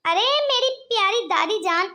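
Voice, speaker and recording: Woman doing a cartoon grandson, affectionate and questioning, very high bright voice. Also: moderate pace, heavily acted. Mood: coaxing. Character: young male grandson, a businessman. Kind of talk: cartoon voice acting.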